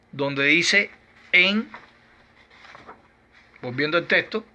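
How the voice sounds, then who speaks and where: A man teaches scripture like a preacher, pressing his case through one rhetorical question after another. His voice is slightly high and very bright, with a sharp, forceful edge. He draws out key words slowly for emphasis. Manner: slow, emphatic delivery with drawn-out words. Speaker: Bible teacher. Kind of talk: doctrinal Bible lesson.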